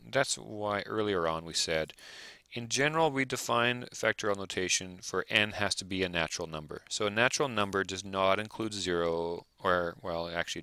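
A male math teacher working through examples aloud, thinking out loud and checking in with rhetorical questions. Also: low-pitched, no echo. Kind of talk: recorded lecture over worked examples.

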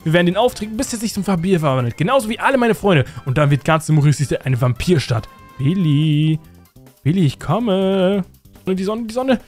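Excitable high-pitched man hosting a game video. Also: fairly quick, soft background music. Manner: excitable, addresses viewers constantly. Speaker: host. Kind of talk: Minecraft role-play let's play.

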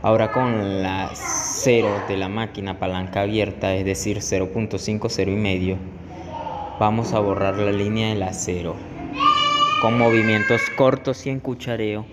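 A barber with a low voice narrates a haircut tutorial as a voice-over, explaining a technique step by step at normal speed. His delivery is flat and even, while the recording has noticeable room echo and clear background noise.

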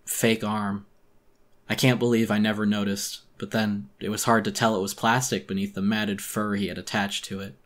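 A man's voice: fairly low pitch, level tone, moderate pace. A man reading a horror story aloud as a dramatic audiobook, with tense, suspenseful narration.

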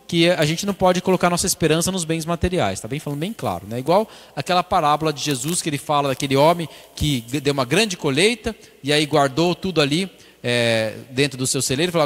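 A man, a priest, reads scripture aloud and explains it in a relaxed, conversational way, often ending phrases with a questioning "né?". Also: fairly high pitch, in a large hall. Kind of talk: scripture commentary.

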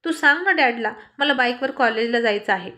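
A woman tells a family story aloud, voicing every character herself. Her voice sits a little higher than most, and she keeps the telling light and conversational. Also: animated, brisk, sharp tone. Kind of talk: scripted story narration.

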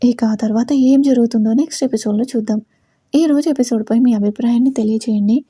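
Dark husky woman storyteller. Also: on the high side, quick pace, no room sound. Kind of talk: scripted audio story narration.

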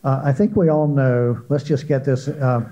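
A man's voice: mid-range voice, fairly even intonation, normal speed, dark tone. An older man moderating a panel discussion in a conference hall, speaking into a handheld mic in a conversational way with frequent fillers.

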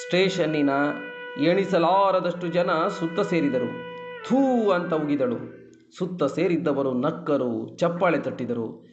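A man reading a literary short story aloud in a measured, expressive way. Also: on the high side. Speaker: story reader. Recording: dull lo-fi, faint music.

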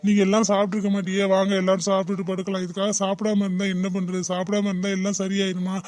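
A man voicing a calm middle-aged husband in an animated cartoon, matter-of-fact and reassuring. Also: high voice, very fast, natural voice.

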